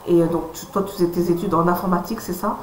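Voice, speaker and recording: A woman interviewer with a fairly low voice. She asks her questions hesitantly, restarting and filling pauses. The recording sounds roomy, with a faint hum of noise. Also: fairly even intonation. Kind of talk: casual interview.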